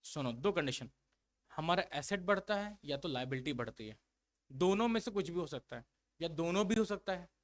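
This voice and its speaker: High-voiced male accountancy tutor. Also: lively intonation. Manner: explains in simple steps, reads English definitions slowly then restates them. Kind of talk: classroom lecture.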